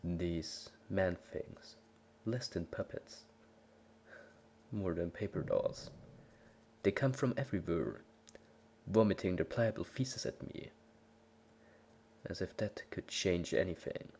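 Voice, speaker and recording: Reading a story aloud as an amateur, a man hams it up in a bombastic style that swings from hushed whispers to loud shouts. His low, animated voice goes slowly with long pauses, and a little background noise can be heard.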